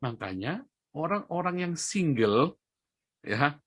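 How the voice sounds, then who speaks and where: A male pastor preaching a sermon, telling a story and rising to loud, high emphatic peaks before dropping to soft asides. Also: big pitch swings, slow, husky, dry recording, clean studio sound.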